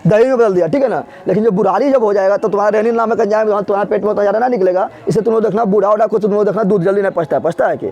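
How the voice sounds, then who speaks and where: A male teacher lectures a classroom at a quick clip, his voice pitched high. He keeps firing questions at the students and hammering the answers home again and again, in a plain, everyday way of talking. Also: vocal fry, dark tone. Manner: repeats questions and answers over and over to drill students; colloquial, with regional Bihari turns of phrase. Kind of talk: classroom lecture with call-and-response drilling. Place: classroom with a board.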